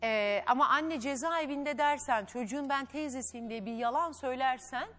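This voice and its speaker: Woman talk show host, high voice, keeps pushing with questions. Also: normal speed, a bit bright, faint music behind. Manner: probing, presses with questions.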